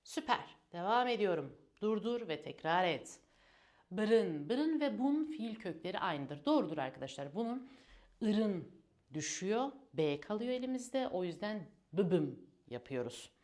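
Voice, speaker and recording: A woman's voice: mid-range voice, big pitch swings, unhurried, a little mellow. Woman teaching a language lesson. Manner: patient drill-style conjugation, addresses learners as friends.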